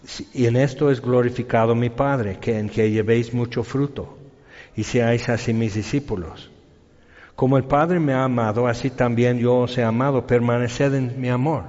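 A man preaching a sermon in a conversational, animated way, acting out quoted voices. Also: medium pitch, moderate pace, in a large hall, highs cut off.

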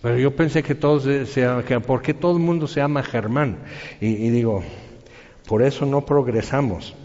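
A man preaching a sermon in a conversational, animated way, acting out quoted voices. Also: medium pitch, moderate pace, in a large hall, lo-fi sound.

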